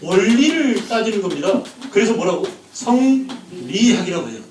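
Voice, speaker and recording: A man teaching a history class, firing quick questions at the students and joking with them. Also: sits high, expressive, roomy sound, distant mic, slight background noise, rough recording. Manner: quizzes the class with quick questions, jokes and laughs. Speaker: history lecturer.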